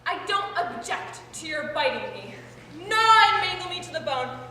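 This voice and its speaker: A teenage girl in a stage play playing a petulant, spoiled grown daughter with shrill, melodramatic outbursts. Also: big pitch swings, moderate pace, pushed and bright, full character voice. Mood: sarcastic. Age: teens. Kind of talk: high school stage play. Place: school theater stage. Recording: echoey hall from far off, faint noise.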